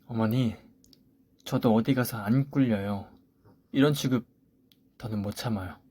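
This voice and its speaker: A man's voice: mid-range voice, a little slow, mellow, husky. A man voicing a young pregnant wife who protests with pleading, defiant words against her mother-in-law, in a story radio drama. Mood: indignant.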